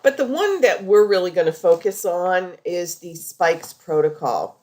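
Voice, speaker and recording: A woman lecturing over slides in an informal, conversational and explanatory way, as a healthcare practitioner teaching. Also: on the low side.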